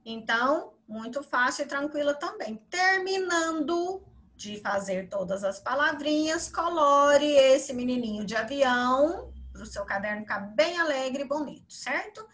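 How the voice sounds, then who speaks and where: A woman's voice: high voice, expressive, measured pace, fairly bright tone. A Brazilian woman teaching a video lesson to young children, explaining each step and checking in with the class as she goes. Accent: Brazilian Portuguese. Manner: encouraging, explains step by step with many "certo?" and "ó".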